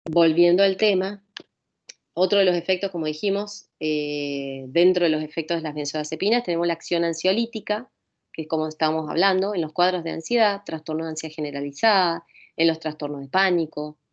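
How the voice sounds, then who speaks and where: A woman's voice: fairly low pitch, a little fast, muffled recording. Rioplatense woman giving a chatty lecture. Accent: Rioplatense Spanish. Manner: conversational, repeats calming phrases, asks rhetorical questions. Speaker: pharmacology lecturer. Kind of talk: informal medical lecture.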